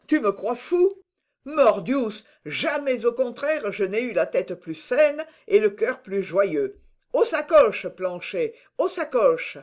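A storybook reader voicing D'Artagnan, a bold swordsman who gives brisk, commanding orders. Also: medium pitch, sing-song.

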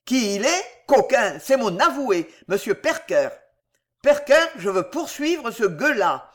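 A reader voicing a choleric old man who shouts in fits of rage, in an audiobook. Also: mid-range voice, sing-song, normal speed, close to an everyday voice. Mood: furious. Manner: loud and barking. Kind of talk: audiobook character voice.

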